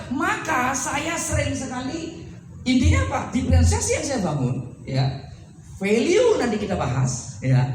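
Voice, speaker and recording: A man from Bali, a lecturer and campus owner, giving a seminar talk to business owners, telling stories with lively acted-out dialogue and jokes. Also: very high-pitched. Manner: animated storytelling, acts out dialogue, jokes with the audience. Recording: echoey hall, speaker far from the mic, faint noise.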